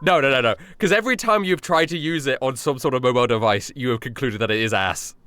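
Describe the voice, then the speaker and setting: A man's voice: mid-range voice, quick pace, a bit bright, no echo. A man running a tabletop game as game master, playful in his narration.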